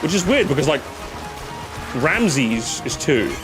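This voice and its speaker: Young man, casual streamer, animated pitch, rambling jokes, music behind. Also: takes it slowly. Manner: rambling, joking, mock-outraged at chat. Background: music playing.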